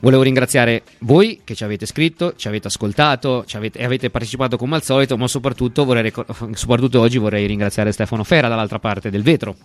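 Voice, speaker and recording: Male local radio host, mid pitch. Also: fast, hardly any pauses, no room sound. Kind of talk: live local radio sign-off talk.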